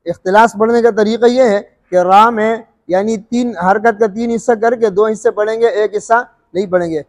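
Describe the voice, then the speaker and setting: A man teaching rules of Quran recitation, explaining calmly and drawing out recited words slowly, often asking if it is understood. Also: high-pitched, long reverb tail. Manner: slow drawn-out recited examples between explanations; checks understanding with questions.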